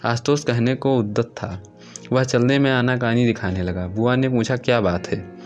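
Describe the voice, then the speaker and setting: A man reading a literary short story aloud in the first person, in a measured, steady storytelling manner. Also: mid-range voice, highs cut off, soft background music. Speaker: story narrator.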